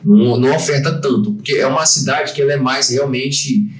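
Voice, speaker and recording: A man's voice: medium pitch, fairly quick. A Brazilian man in his fifties, a podcast guest who talks in a hesitant way, full of fillers and restarts. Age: 50s. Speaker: guest, franchise owner. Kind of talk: conversational podcast interview. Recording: roomy, distant from the mic.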